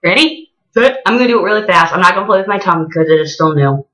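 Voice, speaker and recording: A woman's voice: fairly low pitch, animated, quick pace, a bit bright. A woman in her twenties chatting casually and exclaiming to viewers as she narrates a task, her speech slightly impeded by a tongue piercing. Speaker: vlogger. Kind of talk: casual vlog chat, talking to viewers while doing a task. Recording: echoey small hard-walled room.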